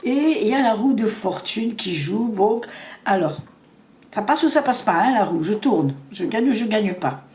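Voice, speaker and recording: A woman doing a casual tarot reading, talking fast and rambling with many restarts. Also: medium pitch, lively intonation, darkish tone. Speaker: tarot reader. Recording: echoey room with faint noise.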